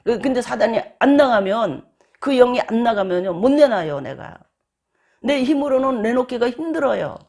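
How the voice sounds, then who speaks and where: A preacher giving a sermon in a lively storytelling way, often acting out voices in quoted lines. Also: medium pitch, normal speed, gravelly.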